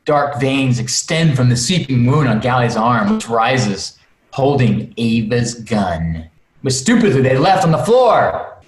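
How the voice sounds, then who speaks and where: A man narrates stage directions at a virtual table read, speaking a little slowly in a mid-range voice. His delivery is expressive, with occasional stumbles and asides. He's calling in from a room, and the video call mic picks up an echoey, roomy quality.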